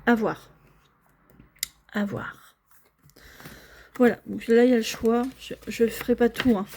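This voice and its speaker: A woman budgeting vlogger talks casually through filling cash envelopes at home, narrating small tasks, apologizing often to viewers and sometimes dropping to a near-whisper. Her voice sits on the high side, steady and a little slow, slightly mellow with vocal fry, over slight background noise.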